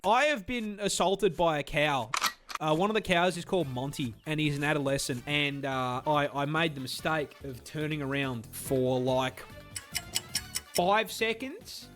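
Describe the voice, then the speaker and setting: A man's voice: a little high, unhurried, fairly bright tone, faint music behind. A man casually telling an anecdote in an exasperated, sweary way.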